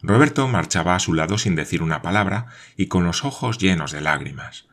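A man narrating a novel as an audiobook, reading in a measured, even way. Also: deep voice.

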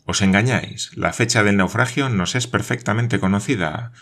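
A man's voice: lowish voice, normal speed, a bit bright. A man reading aloud voices an earnest male nobleman leading a search in a storybook, speaking eagerly and correcting others.

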